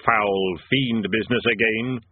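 A man voicing Death in a fantasy audiobook, a solemn, courteous grim reaper who speaks slowly and gravely. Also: on the low side, fairly even intonation, no room sound. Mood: grave, disdainful. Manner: grim reaper voice, slow, solemn, drawn-out delivery. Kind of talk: audiobook character voice in comic fantasy. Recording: band-limited, phone-like audio.

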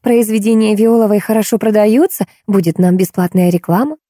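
A tired middle-aged woman, patient but worn thin, talking a hothead down in a slightly raised voice, as a woman reads her in an audiobook. The tone is warm and mellow, and the recording is close and dry. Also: mid-range voice, fairly quick, dry recording, voice pushed up, lightly acted. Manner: patient, then exasperated.

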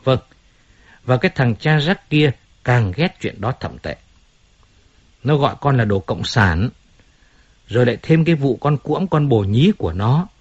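A man voicing a washed-up male singer who complains bitterly and pleads for help, in a husky voice. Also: medium pitch, animated, measured pace, long pauses, muffled recording. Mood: pleading.

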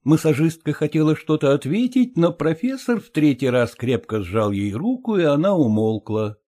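A man narrating an audiobook in measured storytelling. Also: on the high side, sing-song, warm tone. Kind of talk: scripted narration.

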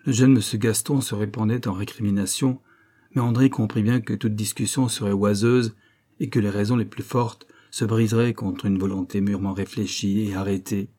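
Un homme qui lit un roman en livre audio, d'une lecture posée et régulière. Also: male voice, lowish voice, steady tone, moderate pace, mellow. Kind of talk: audiobook narration.

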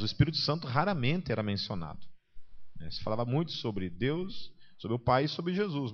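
A Brazilian-accented man gives a chatty sermon at a mid-pitched, swinging pitch, tagging his sentences with little check-ins and mimicking the people in his stories. The recording sounds somewhat muffled and dull. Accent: Brazilian Portuguese. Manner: chatty, tags nearly every sentence with a question, acts out quoted people. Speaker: preacher. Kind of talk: conversational sermon.

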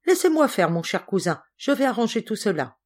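A woman reading an audiobook aloud and voicing a plump, meddling, gossiping spinster cousin in a shrill, bossy voice. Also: sing-song, brisk.

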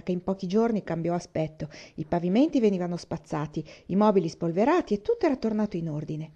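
A woman reading a novel aloud in a calm, even storytelling manner. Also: medium pitch, muffled recording. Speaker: audiobook reader.

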